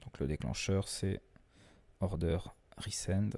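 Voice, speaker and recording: A man presenting a screen-recorded software tutorial in a relaxed, chatty way, often hesitating and restarting his sentences. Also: low-pitched, slow, creaky. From France. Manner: self-deprecating humor.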